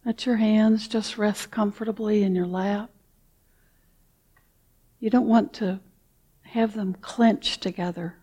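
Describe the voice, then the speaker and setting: A woman guiding a meditation in a soft, unhurried voice, leaving long pauses and sometimes easing into a whisper. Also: mid-range voice, fairly even intonation, slightly rough. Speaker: meditation teacher. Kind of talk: guided meditation.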